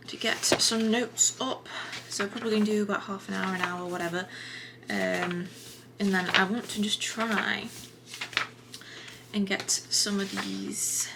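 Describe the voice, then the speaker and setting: A woman's voice: medium pitch, vocal fry, background noise. Chatty woman vlogging at home. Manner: relaxed, chatty, many fillers and restarts. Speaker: writing vlogger. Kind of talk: casual vlog narration. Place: home desk.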